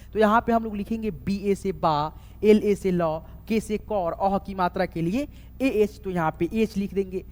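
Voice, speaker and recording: Man slowly spelling words aloud, echoey room. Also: high-pitched, darkish tone. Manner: slowly spells words letter by letter, keeps checking "okay?". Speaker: online English tutor. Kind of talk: chalkboard spelling lesson. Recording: echoey room with long reverb.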